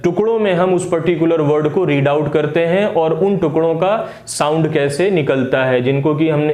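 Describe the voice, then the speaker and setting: A man gives an English phonics lesson, his voice sitting fairly high for a man. He talks patiently and pauses often with "uh" fillers. The recording has a noticeable echo from the room. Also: a little mellow. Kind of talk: explaining lesson.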